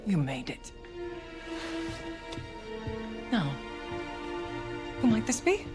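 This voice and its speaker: In a video game cutscene, an actress voices a grand, worldly dame who collects antiquities and dabbles in spying, sounding arch, genteel, droll and welcoming. Her mid-range female voice swoops wildly in pitch at a measured pace over music.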